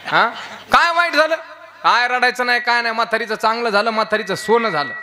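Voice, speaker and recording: Man doing a high-voiced, blunt villager, loud and scolding. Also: a little fast, heavily acted. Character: blunt tactless village man, grieving man's friend.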